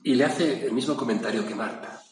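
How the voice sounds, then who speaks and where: A man's voice: mid-range voice, fairly quick. A man from preaching a reflective gospel sermon, in a conversational manner with little asides to his listeners. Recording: echoey hall with faint room noise.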